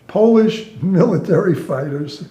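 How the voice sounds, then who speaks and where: With a warm, expressive voice that sits high and moves a little slowly, an older man who retired from air traffic control shares amused stories, chuckling and reenacting conversations. The sound is roomy and echoey, with the highs cut off.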